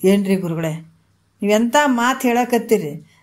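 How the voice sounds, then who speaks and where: A woman's voice: mid-range voice, expressive, moderate pace, a little mellow, lightly acted. A woman doing an indignant, selfish wife. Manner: protesting, indignant. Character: selfish middle-aged wife refusing to die.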